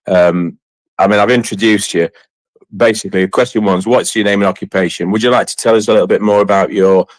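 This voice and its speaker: A man hosting a casual interview chat, effusive and rambling, often halting and repeating his phrases. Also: deep voice, no room sound, low-quality recording. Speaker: host of an online community chat.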